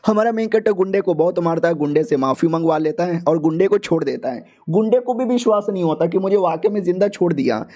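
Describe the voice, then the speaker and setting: Chatty high-voiced male recap narrator. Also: expressive, quick pace, hardly any pauses, dark tone. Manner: chatty, slangy, joking. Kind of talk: casual storytelling recap.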